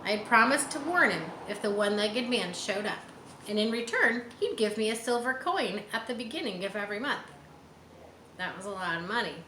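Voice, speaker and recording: Her voice sits at medium pitch, bright and forceful, as she reads aloud from a children's chapter book. Now and then she breaks off with simple explanations for young listeners. Faint background noise and a roomy echo fill the recording.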